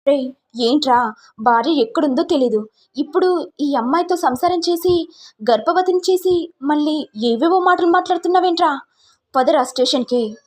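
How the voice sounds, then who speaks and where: A woman's voice: sits high, normal speed, long pauses, a little mellow, pitched above the performer's own voice, close to an everyday voice. A woman voicing a harsh male police sub-inspector who mocks and bullies a family. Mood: bullying. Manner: mocking, bullying.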